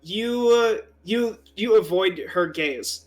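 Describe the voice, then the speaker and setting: Young guy game master, high voice, chatty and animated, music low in back. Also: slow. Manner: animated, casual, lots of "like". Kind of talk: narrating a tabletop game.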